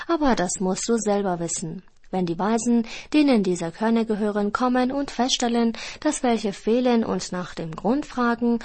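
A woman's voice: mid-range voice, darkish tone, close to an everyday voice. A woman voicing a cautious male bird catcher warning the bird about the consequences. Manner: warning, measured.

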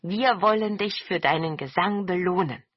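A woman voicing a crowd of eager, flattering horned goblins in a storybook reading, with a high, loud, coaxing manner. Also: normal speed, slightly rough, dry recording, lo-fi sound.

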